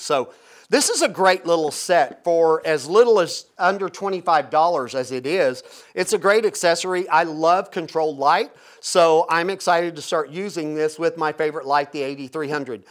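A man in his fifties, a product reviewer and host, casually explains and demonstrates a product in an indoor photo studio with a backdrop. His voice is fairly high-pitched and a bit bright.

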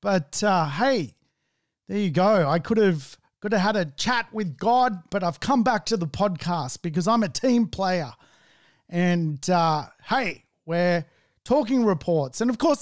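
A man's voice: on the high side, dry recording, studio quality. Chatty man hosting a podcast. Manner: chatty and informal, with joking asides. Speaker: property investing podcast host. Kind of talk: solo podcast monologue.

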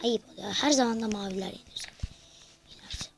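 A woman giving excitable live gameplay commentary as a YouTuber, swearing and shouting at the game, then dropping to whispers. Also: mid-range voice, brisk, gravelly, slight background noise, rough recording. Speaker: gaming YouTuber.

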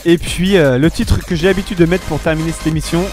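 A man's voice: a little high, fairly even intonation, fast, a little mellow, faint music behind. A young man hosting a casual web radio show in French, rambling with many hesitations and restarts and promising to get back to topics later. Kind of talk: casual solo radio-style chat.

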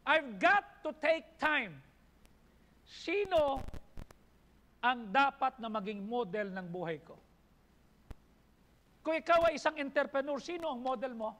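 A man's voice: very high voice, very animated, slow pace, long pauses, a bit bright. A man with a Filipino accent preaching a sermon as pastor, building emphatic lists. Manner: preaching in mixed Tagalog and English, rising emphatic lists. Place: church hall. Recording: long hall reverb in a church.

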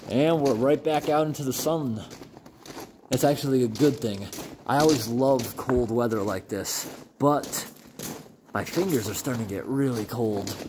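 A man's voice: medium pitch, a little slow, background noise. Casual man narrating on the move. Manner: casual, chatty narration while exploring. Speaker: urban explorer vlogger. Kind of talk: walking commentary. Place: abandoned railroad tunnels and snow sheds, on foot.

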